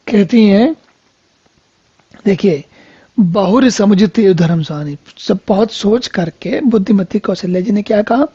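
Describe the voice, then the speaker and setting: A scripture teacher who chants verses slowly and then explains each one in plain conversational talk. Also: medium pitch, warm tone, slightly rough. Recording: dull lo-fi recording.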